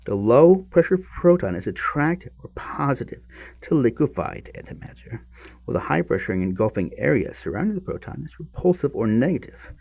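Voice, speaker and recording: A podcast host, a man with a medium-pitched, sing-song, creaky and slightly mellow voice, reads a science text aloud. His delivery is emphatic but halting, with repeated words and offhand muttered asides.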